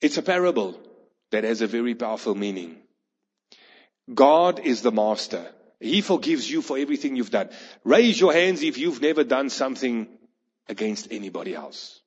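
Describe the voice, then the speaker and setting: A male preacher delivers a storytelling sermon, slipping into the voices of the people in his parable. His voice is husky and breathy at a medium pitch. It rings with a long reverb in a large hall, and the recording sounds dull and lo-fi. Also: lively intonation, brisk.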